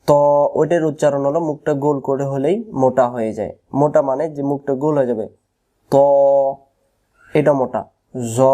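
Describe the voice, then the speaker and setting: A man teaching Quran reading, slowly repeating letter sounds for learners to follow. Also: on the high side, mellow. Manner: slow, repetitive drilling of letter sounds; chants a short verse in a drawn-out sung tone. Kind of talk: slow recitation lesson.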